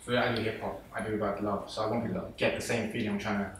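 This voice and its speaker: A man's voice: fairly low pitch, racing, distant mic, background noise. A young man from England, a guest on a talk show, chatting casually and rambling with lots of fillers, recorded in an echoey room away from the mic. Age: young adult. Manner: relaxed, rambling, many fillers. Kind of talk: casual interview chat.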